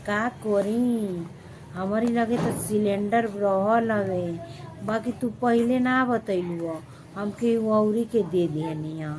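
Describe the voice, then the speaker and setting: A woman's voice: medium pitch, slow pace, background noise, close to an everyday voice. A woman mimicking a sweet-talking two-faced village neighbor. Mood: mock-sweet. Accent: Bhojpuri. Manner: drawling, honeyed, raised and sing-song.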